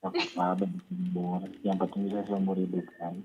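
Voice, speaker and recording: A young man from Bandung, calling in from the side of a busy road. His voice is low and mellow, with terse, laid-back replies, heard through dull lo-fi phone audio. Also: big pitch swings, fairly quick, creaky, a little hiss or hum. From Bandung, Indonesia. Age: 20s. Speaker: caller. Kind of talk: phone call-in chat.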